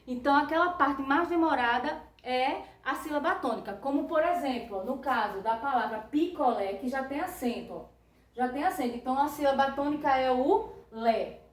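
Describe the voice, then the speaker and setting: Brazilian teacher woman, high voice, echoey. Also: expressive, normal speed, distant mic. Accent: Brazilian Portuguese. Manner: patient, tag questions after each phrase. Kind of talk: online grammar lesson for children. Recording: roomy echo, voice a bit off-mic.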